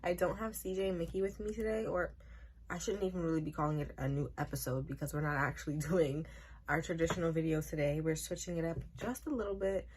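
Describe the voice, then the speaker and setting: A woman's voice: low-pitched, steady tone, fast talker, darkish tone, a little hiss or hum. A woman, talking casually as a podcast host introducing herself. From Queens, New York. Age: early 20s.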